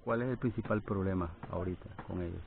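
Hesitant, gravelly man heard from afar. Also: low voice, fast talker. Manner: hesitant, many fillers. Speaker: interviewer. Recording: distant, tinny, with crowd noise.

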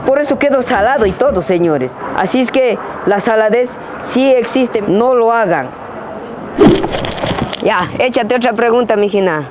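A young man with a very high, animated voice, speaking a little slowly, hosts a casual outdoor question-and-answer vlog on a rural hillside. He teases playfully in slang to a camera a few feet from him. Traffic and outdoor sounds come through the recording.

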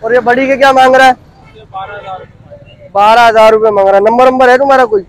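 A chatty man in his thirties with a fairly high voice walks a busy outdoor street market, recorded on a handheld phone camera. He asks vendors their prices and repeats them to his viewers in a casual walkthrough style. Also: fairly even intonation, brisk, poor audio. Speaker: vlogger touring a market.

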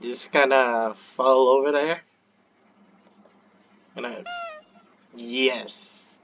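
A man's voice: mid-range voice, steady tone, drawn-out words, fairly bright tone, lo-fi sound, slight background noise. A man giving casual let's-play commentary, joking, swearing and talking to the game. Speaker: gameplay commentator.

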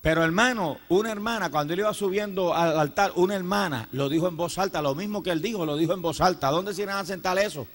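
A man with a Puerto Rican accent preaches a Pentecostal sermon from the pulpit, his voice sitting high for a man. He speaks fervently, calls out to the congregation again and again, and breaks into praise between his points. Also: quick pace, few pauses. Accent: Puerto Rican Spanish. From Puerto Rico. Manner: fervent, addresses listeners as "hermano", frequent praise interjections. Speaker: pastor. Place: church sanctuary.

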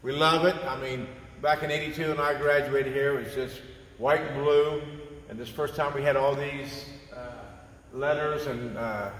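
A man's voice: mid-range voice, steady tone, fairly bright tone. A man in his fifties, a school coach, chatting enthusiastically with repeated words and fillers. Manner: enthusiastic, repetitive, halting with fillers. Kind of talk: casual on-camera chat. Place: large school gymnasium. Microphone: camera at a distance. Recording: roomy gym with long reverb, faint noise.

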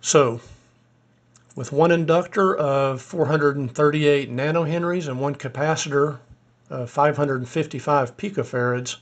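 A man talks through a screen-recorded tutorial at an easy pace, explaining each step as he goes and pausing to think aloud. His voice is a bit hoarse and sits at an ordinary middle pitch. It has the feel of a hobbyist recording at his desktop computer. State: a little hoarse. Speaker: ham radio hobbyist demonstrating software.

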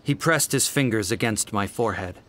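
A man narrating a fan-made audiobook in a measured, deliberate way. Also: fairly low pitch, a bit bright.

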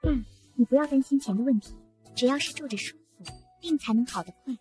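A woman's voice: sits high, fast talker, darkish tone, soft background music, lightly acted. A woman voicing a scheming young woman who pleads and wheedles in an audio comic story. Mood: pleading.

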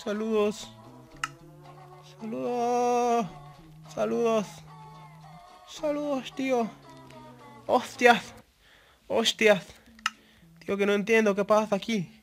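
A Mexican man voicing a joking Spaniard guy in an exaggerated mock Castilian accent, raising his voice higher than usual. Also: slow pace, gravelly, pauses often, faint music behind, full character voice. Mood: excited. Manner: exaggerated, excited exclamations.

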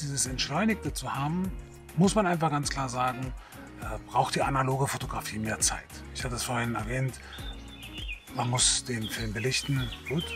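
A middle-aged man from Berlin talking casually to camera as a photography host, chatty and hesitant with many fillers. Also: medium pitch. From Berlin, Germany.

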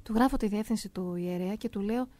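A middle-aged woman calmly and earnestly telling a first-person story aloud. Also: medium pitch, no room sound. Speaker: narrator of a personal testimony.

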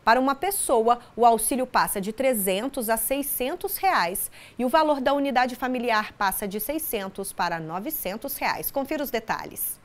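A young woman anchors a local news bulletin, reading her script in a bright, upbeat manner. Her voice sits fairly high, and it is picked up cleanly by a lapel mic in a studio. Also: expressive, moderate pace, hardly any pauses. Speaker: news presenter. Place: studio with city backdrop.

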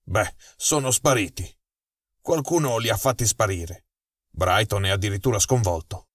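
A man voicing an agitated, irritable police inspector in an audiobook mystery, exclaiming in a lowered voice. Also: normal speed, a bit bright, no room sound, studio quality. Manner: flustered, exclaiming. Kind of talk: audiobook dialogue.

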